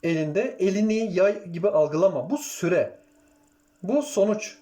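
A man's voice: high-pitched, lively intonation, unhurried. A man teaching a music lesson, counting beats aloud and checking in with his students. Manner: counts beats and sings note names aloud; addresses students directly, checks "okay?". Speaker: kemenche teacher.

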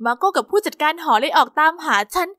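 A woman giving lively, expressive first-person scripted narration for an animated story. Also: sits high, fast, dry recording, studio quality.

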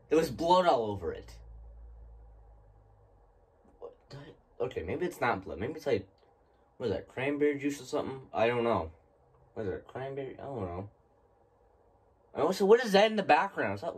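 A man's voice: mid-range voice, very animated, moderate pace, long pauses, breathy edge, recorded from a distance. A man streaming a horror game, nervously commenting and talking back to the screen as he plays. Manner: jumpy, nervous, talks to the game, dares it to scare him. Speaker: gaming streamer.

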